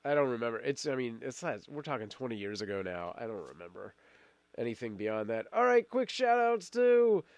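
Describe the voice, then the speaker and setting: Chatting on a casual live stream and reading viewer comments, a middle-aged man fights off a cold as he talks. His medium-pitched voice is very animated and a little fast, and he rambles with many fillers and restarts while laughing frequently. There's no room sound.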